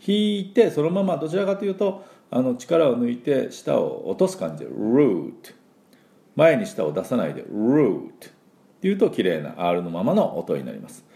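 A middle-aged man giving a chatty spoken pronunciation lesson, full of fillers and slow demonstrations of sounds. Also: mid-range voice, big pitch swings, gravelly, mellow, echoey room. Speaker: English pronunciation teacher.

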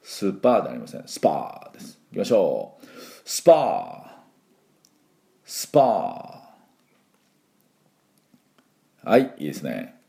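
A man's voice: very deep voice, sing-song, quick pace, gravelly, warm tone. A man running an English pronunciation lesson as the school's principal, drilling sounds aloud and having listeners repeat after him in a chatty, encouraging way. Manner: chatty and encouraging, with filler words.

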